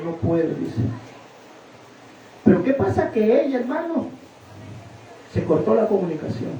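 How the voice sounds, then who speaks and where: A man preaching an animated sermon to his congregation, often calling out to them. His voice is dark and mellow. The sound rings around an echoey room and is picked up from some distance away. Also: high voice, lo-fi sound. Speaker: pastor. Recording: echoey room, heard from a distance, faint room noise.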